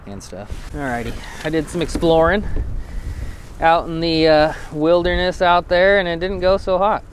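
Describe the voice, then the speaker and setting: A man's voice: a little high, normal speed. Chatty guy out on a frozen lake, easygoing and jokey, bit of wind noise on the action cam. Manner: laid-back, chatty, jokey. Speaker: fishing channel host. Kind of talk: casual outdoor vlog narration. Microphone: body-mounted action camera.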